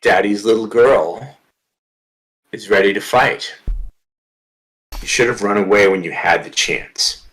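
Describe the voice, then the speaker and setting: A man's voice: on the low side, unhurried, long pauses, fairly bright tone, poor audio. A man voicing a taunting young female vampire sorceress in a tabletop game, mocking and menacing.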